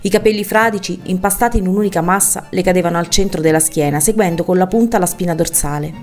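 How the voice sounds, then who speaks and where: A woman narrating a literary audiobook in a measured, expressive reading. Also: fairly low pitch, faint music behind. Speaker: audiobook reader.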